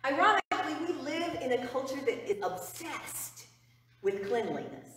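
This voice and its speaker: A middle-aged woman pastor giving a sermon in a church sanctuary, earnest and emphatic, dropping to a hush on key phrases. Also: sits high, sing-song, normal speed. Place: church sanctuary before the altar. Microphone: far camera. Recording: roomy church reverb, far from mic.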